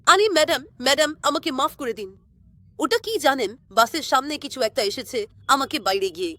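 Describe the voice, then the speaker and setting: A woman voicing a hurried male ambulance driver in a doll story, who talks politely and keeps apologizing. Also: high voice, lively intonation, bright, forceful tone, dry recording. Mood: apologetic.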